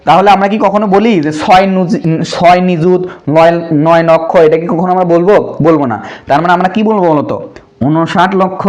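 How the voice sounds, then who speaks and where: A young man teaching a primary school math lesson, asking the pupils questions and answering them himself in a casual, brotherly way. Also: high voice. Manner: slows to spell out numbers.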